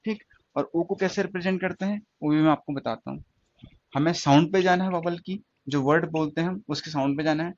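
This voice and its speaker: Male shorthand tutor, slightly high-pitched, steady repetitive classroom delivery, muffled lo-fi audio. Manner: slow, repetitive explaining with questions to students. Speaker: stenography teacher. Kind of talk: classroom lesson.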